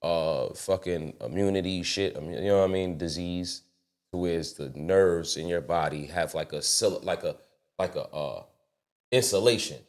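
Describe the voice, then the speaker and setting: A man telling a personal story as a guest on a casual studio talk show, profane and animated. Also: sits low, moderate pace. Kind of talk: casual podcast chat. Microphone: studio mic.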